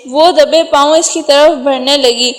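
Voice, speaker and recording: High-voiced woman narrating a thriller. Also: fairly even intonation. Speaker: audiobook narrator. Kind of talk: scripted novel narration. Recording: long hall reverb.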